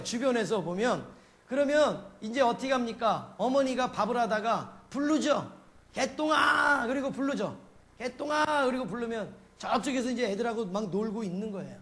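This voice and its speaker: High-voiced preacher asking rhetorical questions. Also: male voice. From South Korea. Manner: storytelling with many rhetorical questions to the congregation. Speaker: pastor. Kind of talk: sermon.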